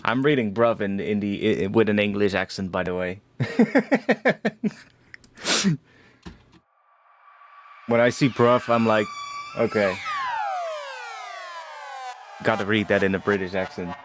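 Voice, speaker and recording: A man's voice: lowish voice, animated, takes it slowly, pauses often, slight background noise. A young man chatting casually on a livestream, rambling with frequent swearing and laughs as he gives feedback on music tracks. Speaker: music producer streamer giving feedback.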